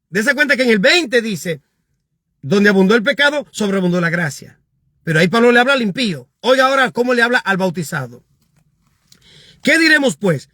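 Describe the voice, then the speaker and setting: Emphatic high-voiced male pastor preaching. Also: no echo, clean studio sound. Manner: emphatic, rising to shouts on key points. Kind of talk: preaching while reading viewer comments.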